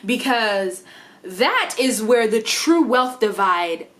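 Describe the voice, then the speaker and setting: A woman's voice: on the high side, animated, slow, a bit bright. A woman talking to camera in an earnest, encouraging way, giving motivational advice in a casual vlog. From United States. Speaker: vlogger.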